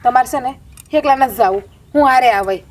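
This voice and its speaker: A woman playing a calm, sensible village wife. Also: high-pitched, a little fast. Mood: reasoning. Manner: calming, reasoning. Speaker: sister-in-law. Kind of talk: village family drama.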